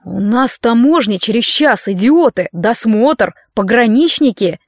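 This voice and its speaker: A woman's voice: a little high, animated, a little slow, no echo, clean studio sound. A woman reading an audiobook voices a stern, sarcastic male teacher of magic who mocks and barks orders at his students. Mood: angry. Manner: mocking, barking orders. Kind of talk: audiobook character voice.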